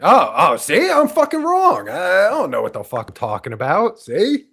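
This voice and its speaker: A man's voice: high voice, huge pitch swings, moderate pace, vocal fry, a bit bright, slightly rough. A man hosting a podcast, talking in a rambling, crude way with lots of fillers. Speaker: podcast host. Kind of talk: casual chat.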